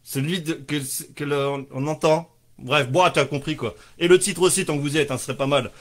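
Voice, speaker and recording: A man's voice: fairly high pitch, fairly quick, a bit bright. A man hosting a casual live stream, joking, rambling and swearing offhandedly as he reads out viewers' answers.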